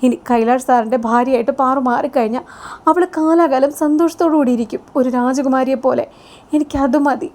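A woman's voice: high-pitched, fairly quick, darkish tone, pitched above the performer's own voice. A woman voicing a resigned young man who gives up his love, speaking earnestly.

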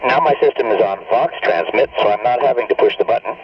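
A man speaking through the radio of his full face dive mask, underwater in a big aquarium tank, calmly explaining a live sound test. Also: mid-range voice, fast, background noise. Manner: calm, explanatory, giving instructions. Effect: underwater diver full face mask radio. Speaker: scuba diver testing comms. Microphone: microphone inside a full face dive mask. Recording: muffled, distant radio feed with heavy din.

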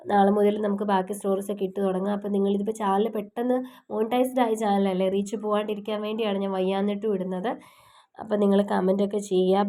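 A woman's voice: mid-range voice, mellow. A woman narrating a romance audiobook and chatting to her listeners while congested with a cough. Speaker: storyteller, channel host.

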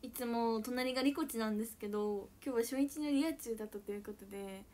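A young woman with a high, bright voice and a chats casually with viewers on her livestream. She is bubbly and giggly, and she talks loudly. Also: fairly quick. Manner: giggly, bubbly, frequent laughter; self-describedly loud voice. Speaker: idol livestreamer. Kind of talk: casual chat reading viewer comments.

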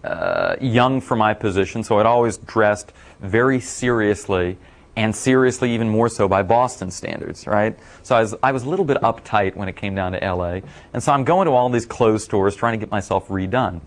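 A middle-aged man telling a casual story at a talk, rambling with many fillers and getting animated when he quotes others. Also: fairly low pitch, moderate pace. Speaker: speaker at a talk.

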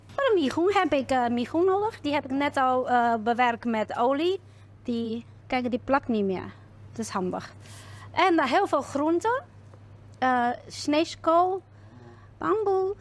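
Woman cooking host, talks you through each step, bright high voice, casual tone, home kitchen feel. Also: expressive, a little slow, long pauses. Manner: chatty, explains each step while cooking.

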